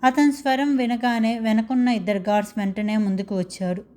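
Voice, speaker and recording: A woman's voice: a little high, little pitch movement, brisk, mellow. A woman narrating a dramatic love story in a scripted storytelling style.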